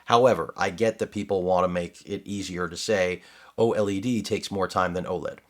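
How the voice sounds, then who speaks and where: Very low-voiced man rambling through a tech demo. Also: steady tone, normal speed. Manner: rambling, digressive, sarcastic asides. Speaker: tech reviewer. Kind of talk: casual unboxing commentary. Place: home studio with lights.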